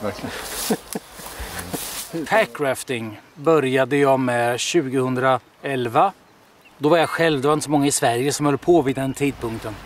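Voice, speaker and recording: A man who organizes a packrafting meetup, interviewed outdoors in a forest in a calm, unhurried way. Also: mid-range voice, slight background noise. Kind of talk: documentary interview.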